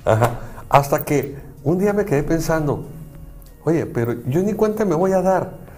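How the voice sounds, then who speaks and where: A man's voice: on the high side, expressive, moderate pace, a little mellow, faint music behind. A man, a psychology professor, talking earnestly and acting out what people said to him. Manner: earnest, explanatory, acts out dialogue. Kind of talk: conversational talk show.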